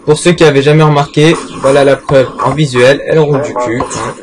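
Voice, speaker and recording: A man's voice: mid-range voice, fairly even intonation, a little fast, a crowd in the background. A man giving casual, joking commentary while playing a game, talking back to in-game characters and swearing often. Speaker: gaming channel host.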